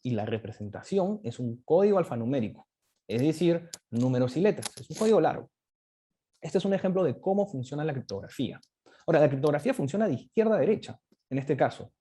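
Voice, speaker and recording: A guest speaker on crypto economics lectures with slides, walking through points step by step and often ending them with a tag question. His voice is fairly high, expressive, dark and husky, and he speaks at a quick pace.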